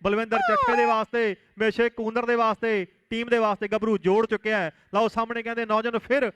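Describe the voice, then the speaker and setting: A man's voice: extremely high pitch, expressive, brisk, fairly bright tone, clear, resonant tone, no echo. A man commentating live on kabaddi and making announcements in a declamatory way.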